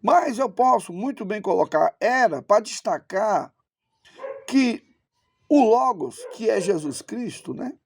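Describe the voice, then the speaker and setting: A man's voice: high voice, expressive, takes it slowly, dry recording, clean studio sound. A man giving a Biblical Greek lesson, opinionated and sarcastic, repeating words for emphasis. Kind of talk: recorded online lesson.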